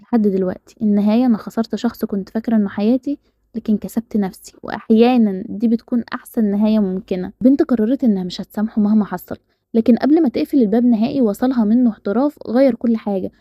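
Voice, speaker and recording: A woman with an Egyptian Arabic accent reading a first-person story in rapid, even narration. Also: fairly high pitch, no echo, highs cut off.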